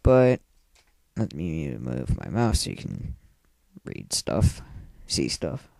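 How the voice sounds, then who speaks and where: A man's voice: rumbling low, huge pitch swings, slow pace, vocal fry, mellow, dry recording. A thirteen-year-old boy rambling through casual live game commentary at home on a computer mic, with lots of ums and mumbled asides. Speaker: let's player. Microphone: computer mic, clipping when loud.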